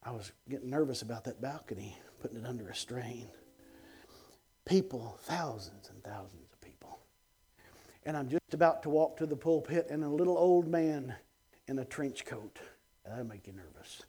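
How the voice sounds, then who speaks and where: A middle-aged man, a guest evangelist, telling an animated testimony on a TV show, dropping to hushed tones and bursting out loud with chuckles. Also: moderate pace. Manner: swings between hushed low tones and loud excited outbursts, chuckling.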